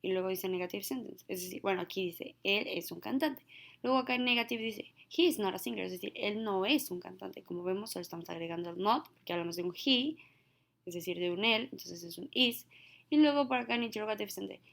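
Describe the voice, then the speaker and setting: Woman, gravelly English teacher; slows down for example sentences in a recorded lesson. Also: mid-range voice, fairly bright tone.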